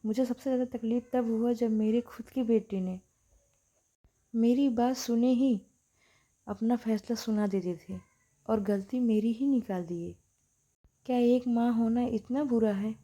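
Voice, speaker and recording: Brief: a woman playing a gentle old mother, hurt, low and soft, warm dark timbre. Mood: sorrowful. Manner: soft, slow, tearful and hushed.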